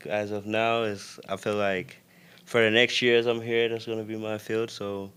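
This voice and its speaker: A young man from Senegal with a Senegalese accent, a guest in a casual interview, talking in a relaxed, reflective way with many fillers. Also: fairly low pitch, normal speed, smooth. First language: Wolof. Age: young adult.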